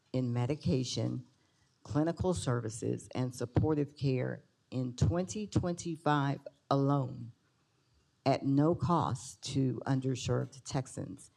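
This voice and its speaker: A county commissioner formally reading an official resolution aloud like a notary, in measured phrases. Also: medium pitch, creaky, dark tone, rough recording.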